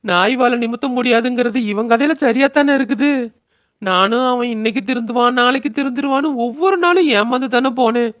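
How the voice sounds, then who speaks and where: A woman's voice: fairly high pitch, fairly quick, dry recording, muffled recording, close to an everyday voice. A woman voicing a weary, scolding older mother-in-law in a cartoon, worn down by her drunkard son. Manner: scolding, world-weary, anxious. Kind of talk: cartoon voice acting.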